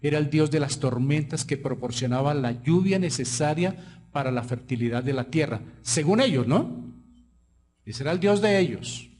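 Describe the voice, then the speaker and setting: A man's voice: fairly high pitch, moderate pace. A Colombian man with a Colombian Spanish accent, preaching a sermon as pastor and telling stories with questions to the congregation. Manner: lively storytelling preacher, asks the congregation questions.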